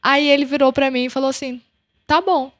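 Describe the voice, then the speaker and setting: A young adult Brazilian woman hosts a podcast, telling a personal story in a high, quick voice with a Brazilian Portuguese accent. She animatedly acts out the dialogue, and the sound is echo-free studio quality.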